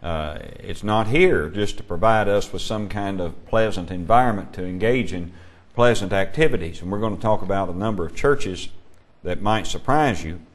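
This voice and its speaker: A man teaching a Bible class, emphatic and measured, putting questions to his students. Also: sits low.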